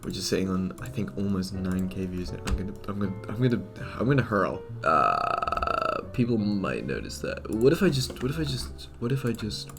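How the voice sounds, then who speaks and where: Low, gravelly man fretting as he works. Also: very animated, normal speed, few pauses, over music. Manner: rambling, fretful, many restarts. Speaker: animator and video creator. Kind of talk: casual self-talk while working.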